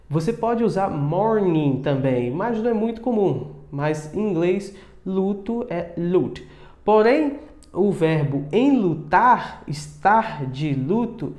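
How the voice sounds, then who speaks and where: Male online teacher, warm mellow voice, casual and chatty, echoey room. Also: high voice. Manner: chatty, repeats words slowly with many tags like tá and né. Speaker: English teacher. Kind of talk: casual video lesson.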